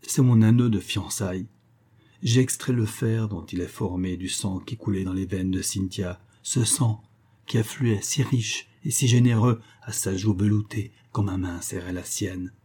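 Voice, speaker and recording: A grieving old professor from a storybook, mournful and brooding, as read by a man. His voice sits low and dark, with a husky edge. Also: normal speed. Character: grieving old male professor, obsessed with matter.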